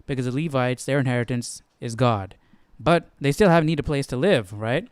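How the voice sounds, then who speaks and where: A man hosts a Bible study stream, explaining things casually and tentatively as he thinks out loud, often correcting himself. His voice is medium in pitch and smooth, at a moderate pace, in a dry recording.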